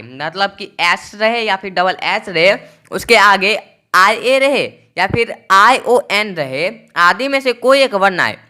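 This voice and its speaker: A man teaching a pronunciation lesson, spelling out letters slowly and repeating each point. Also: high voice, bright, forceful tone, smooth.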